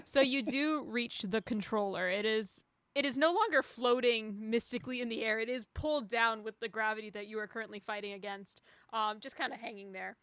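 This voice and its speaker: A woman narrating a tabletop game as game master, relaxed and dotted with ums. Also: on the high side, fairly quick, smooth, dry recording.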